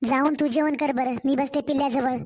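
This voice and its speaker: A woman's voice: high-pitched, steady tone, fairly quick, a little mellow, natural voice. A woman voicing a fussing village mother. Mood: coaxing. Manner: fussing, coaxing. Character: older village mother, doting and worried. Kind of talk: cartoon story voice acting.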